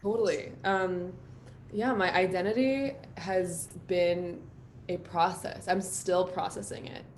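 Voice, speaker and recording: In a relaxed live-stream interview, a New York City woman appearing as a guest musician reflects personally, with many ums and likes. She speaks on the low side, slowly and steadily, in a darkish tone over slight background noise.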